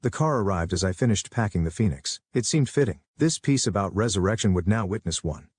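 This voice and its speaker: A man reading a first-person story in a steady scripted narration. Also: on the low side, brisk, husky, dry recording, clean studio sound.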